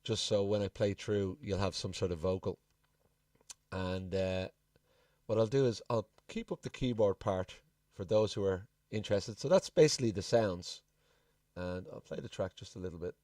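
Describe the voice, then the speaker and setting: A man's voice: on the low side, moderate pace, darkish tone. A man giving a casual music production walkthrough, informal and thinking aloud as he presents. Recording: distant mic, music playing behind.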